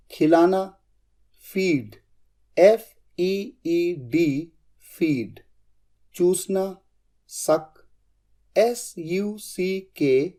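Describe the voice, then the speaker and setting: A man's voice: on the high side, warm tone. A man teaching English vocabulary in a lesson, spelling out each word letter by letter.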